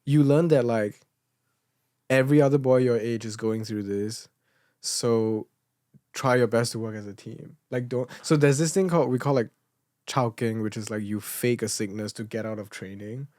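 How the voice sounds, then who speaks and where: A man's voice: medium pitch, normal speed, a little mellow, no room sound, studio quality. A young man with a Singaporean accent chats casually and jokily as a podcast guest, informal and self-deprecating, often saying "like". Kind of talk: casual comic chat.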